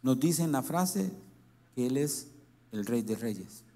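A man preaching a sermon in Latin American Spanish, reading scripture and speaking in a slow, halting way with restarts. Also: medium pitch, expressive, dark tone.

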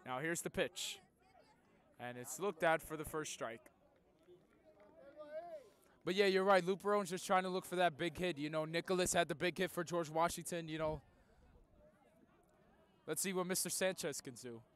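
A man doing live play-by-play baseball commentary outdoors like a radio announcer, with drawn-out, emphatic calls. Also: fairly high pitch, fairly bright tone. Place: outdoors at a school baseball field.

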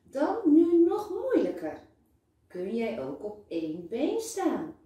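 A kind, joking male doctor from a children's storybook, teasing a little patient, as a woman reads him aloud. The delivery is slow and the tone mellow. It sounds distant from the mic, in a strongly echoing room. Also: sits high, wildly swooping pitch, voice pushed up, exaggerated voice. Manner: playful, teasing. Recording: very echoey room, voice far from mic.

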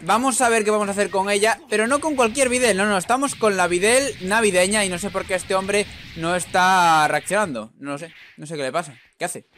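A man with a Spain Spanish accent giving excitable, teasing commentary over his own online fighting-game matches. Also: high-pitched, fairly quick, few pauses, soft background music. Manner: excitable, teasing, frequent "tío". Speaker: gaming YouTuber. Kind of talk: live gameplay commentary.

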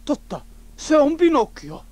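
A crowd of excited stage puppets in a storybook cassette, squealing and urging one another on in a hurried rush. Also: high voice, dry recording.

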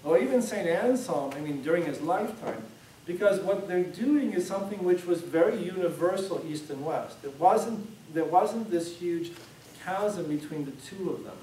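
A man's voice: high-pitched, animated, moderate pace, dark tone, a little hiss or hum. A middle-aged man, a priest, teaching a class in a conversational, rambling way with frequent restarts. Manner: conversational, discursive, many restarts. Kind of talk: informal classroom lecture. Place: church hall classroom. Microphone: far camera. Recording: echoey room from far off.

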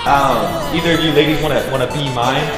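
A man's voice: mid-range voice, steady tone, fast, loud music behind the voice, over a noisy crowd, poor audio. A teenage boy anchoring a school news show and clowning through a skit, pleading and laughing as he goes. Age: teens. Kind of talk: casual school news broadcast.

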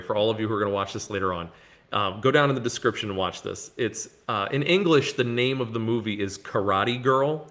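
A man hosting a casual podcast, telling stories in an animated way and acting out the scenes he describes. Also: mid-range voice. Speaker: podcast host. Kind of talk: casual movie-talk podcast chat.

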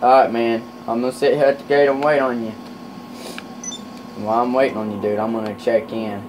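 A man chatting casually while playing a trucking game with a friend, rowdy, swearing a lot, with loud excited outbursts. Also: medium pitch, fairly quick, background noise.

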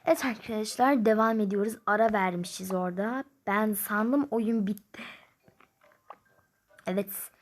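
A woman's voice: medium pitch, measured pace. A young woman playing a mobile number game, commenting casually and grumbling in frustration as she counts numbers aloud.

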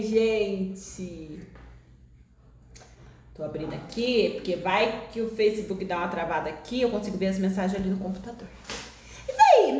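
A woman's voice: fairly high pitch, echoey room. A Brazilian woman hosting a live crochet session, chatty and laughing often, with a lingering cough, seated in a shop. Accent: Brazilian Portuguese. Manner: chatty, warm greetings to viewers, laughs often. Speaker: crochet teacher. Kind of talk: live-stream crochet chat.

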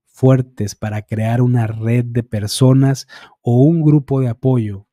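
A middle-aged energy healing practitioner leads a guided affirmation session, reciting affirmations one after another in a calm, measured cadence with a mellow, warm, mid-range voice. He sits close to a boom-arm studio microphone in a small dark room, so the sound is dry and intimate with no echo. Concentrating, he often closes his eyes and rests a fingertip on his temple.

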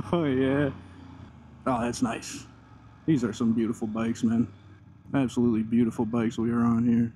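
A man's voice: mid-range voice, flat delivery, normal speed, long pauses. A man giving casual, enthusiastic first-impression commentary as a motovlogger, his voice enclosed inside a helmet with the mic close to his mouth. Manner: laid-back enthusiastic, talking to himself and viewers while riding. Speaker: motorcycle vlogger. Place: inside a helmet on a moving motorcycle, outdoors. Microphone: helmet mic right in front of the mouth. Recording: wind and engine noise in helmet. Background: motorcycle engine, wind noise.

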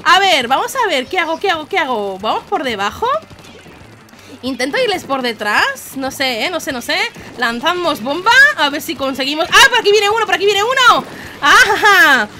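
A young woman from Spain with a Spanish accent, excitably commentating her own online match, laughing often and shouting warnings to her team. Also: high-pitched, normal speed, a little hiss or hum. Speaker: gaming YouTuber. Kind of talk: live gameplay commentary.

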